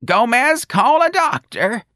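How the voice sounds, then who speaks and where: A man's voice: very high voice, sing-song, takes it slowly, sharp tone, dry recording, clean studio sound, voice pushed up, heavily acted. A man voicing a frail, confused elderly office woman who speaks in a quavering, wheezing way. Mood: alarmed.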